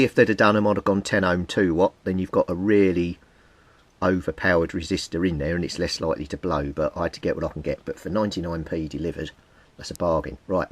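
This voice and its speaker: Dry audio captures a low, a little mellow voice from a middle-aged man from Britain. He's a hobby radio repairer hosting a video, informally talking through his thoughts as he works with equipment on a cluttered bench indoors, in a casual hands-on demo.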